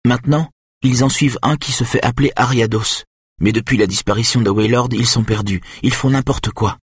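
A man's voice: mid-range voice, steady tone, a little fast, breathy edge, no room sound, studio quality, lightly acted. A man voicing a frightened, sad teenage girl with a faint, small voice in an audiobook. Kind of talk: audiobook character voice.

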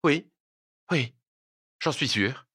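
A man's voice: medium pitch, animated, extremely slow, sharp tone, breathy edge, full character voice. A man reading aloud, voicing a distressed young woman who trembles and pleads, close to tears. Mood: hesitant.

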